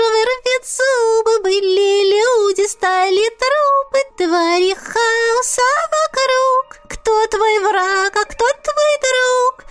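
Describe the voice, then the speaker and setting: Squeaky gloating ghost girl. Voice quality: squeaky, sing-song. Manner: taunting, slow drawn-out singing. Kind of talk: audiobook character voice.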